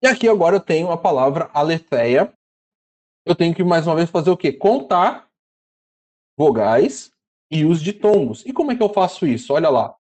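A man teaching a casual lesson, chatty and spelling out syllables slowly. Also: on the high side, big pitch swings, a little mellow. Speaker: Greek teacher.

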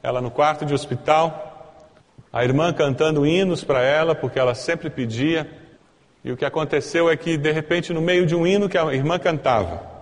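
Brazilian man, pastor delivering a sermon in a reverberant church hall, voice on the higher side, presses to emphatic peaks. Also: moderate pace. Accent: Brazilian Portuguese. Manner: rising to emphatic peaks, rhetorical questions to the congregation.

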